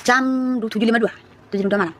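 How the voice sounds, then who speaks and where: A woman of about thirty from East Nusa Tenggara, Indonesia, speaks with the region's Malay accent on a phone livestream. Her slightly high voice stays fairly even as she tells viewers her story in rapid, chatty bursts full of asides.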